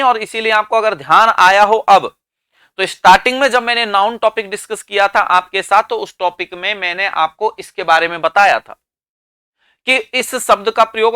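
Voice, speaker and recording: Bright crisp Indian teacher, self-quizzing. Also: male voice, high voice, dry recording. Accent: Indian English. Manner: explains slowly, asks and answers his own questions. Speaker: English teacher. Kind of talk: classroom grammar lesson.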